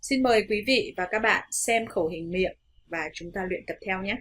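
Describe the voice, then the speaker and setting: A woman with a Vietnamese accent teaching English pronunciation in an online lesson, politely addressing viewers and modelling words slowly and carefully. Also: medium pitch, fairly bright tone.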